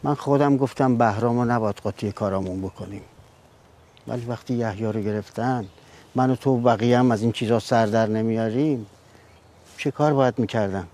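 A man's voice: medium pitch, darkish tone, close to an everyday voice. An actor playing a stern older father. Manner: firm, reproachful. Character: stern, authoritative family patriarch.

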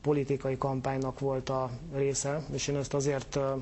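A man's voice: mid-range voice, completely flat delivery, darkish tone, a little hiss or hum. A man answering interview questions as a government official, hesitant and full of filler sounds.

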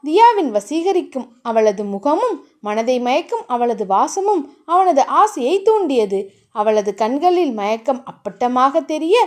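A woman narrating a romance audiobook in an expressive, animated way. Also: high voice.

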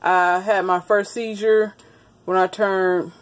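A woman's voice: medium pitch, level tone, slow pace. A woman in her thirties chatting casually to her viewers in a vlog, laughing often, recorded on a phone held close in a small room. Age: 30s. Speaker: vlogger. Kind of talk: casual chat to camera. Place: small indoor room with wood panelling. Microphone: phone camera held close.

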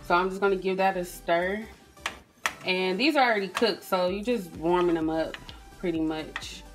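With a fairly low-pitched voice at normal speed and faint music behind her, a woman chats through a recipe in her home kitchen. The phone camera sits at the stove; she says "um" a lot and talks to "you guys" and "y'all" like a casual cooking vlogger.

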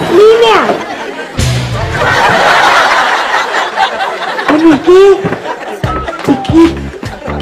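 An actress playing an elderly, easygoing schoolteacher in a TV sitcom, fussy when instructing. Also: female voice, extremely high pitch, exaggerated voice, poor audio. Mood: fussing. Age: older. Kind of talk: television sitcom acting.

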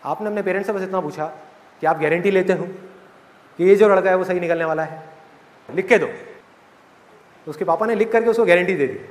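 High-voiced man giving a motivational talk. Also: big-room sound. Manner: conversational, asks the audience questions. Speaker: motivational speaker. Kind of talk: motivational talk to a live audience. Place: large hall with audience.

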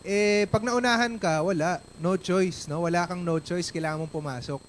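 A man's voice: high voice, normal speed, slight background noise. A Filipino man, a guest speaker at a company event, telling a personal story on stage in a chatty way, ending lines with tag questions.

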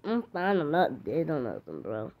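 A woman's voice: sits low, huge pitch swings, normal speed, gravelly, very noisy. A woman hosting her own channel, chatting casually and rambling in slang as she narrates her play. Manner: rambling, slangy, says "bro". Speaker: channel host.

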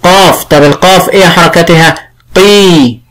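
A man with an Egyptian accent teaching early reading, sounding out syllables slowly and clearly. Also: fairly high pitch, a bit bright, rough recording. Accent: Egyptian Arabic. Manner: slow, drawn-out sounding of syllables. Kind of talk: classroom phonics lesson.

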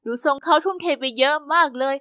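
A woman giving lively, expressive first-person scripted narration for an animated story. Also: high voice, fast talker, dry recording, studio quality.

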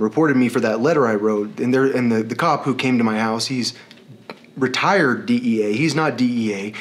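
A man talking to the camera in a rambling, profane and emotionally charged rant. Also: lowish voice. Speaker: vlogger. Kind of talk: ranting video monologue.

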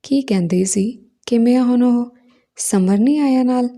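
Woman reading a young wife who sounds sick, soft n pleading, kinda gravelly. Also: fairly high pitch, measured pace, pitched above the performer's own voice. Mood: eager. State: sounds ill. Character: young married woman, earnest, eager.

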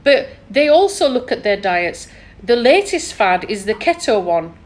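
A woman's voice: on the high side, very animated, measured pace. A woman with a thick Yorkshire accent, hosting a casual interview in a chatty, opinionated, emphatic way. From England. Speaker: podcast host.

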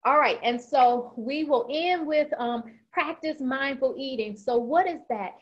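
A registered dietitian with a high-sitting voice gives an informal nutrition presentation on healthy eating. She's chatty, uses lots of "um" fillers, and mentions that she's talking fast. The audio is slightly dull, lo-fi online meeting sound.

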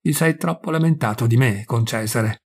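A weary, menacing Roman governor, put on by a man reading the story aloud. The husky voice drags out its warnings slowly, then flares into scornful threats. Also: medium pitch, a little mellow, voice pushed down. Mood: furious threat.

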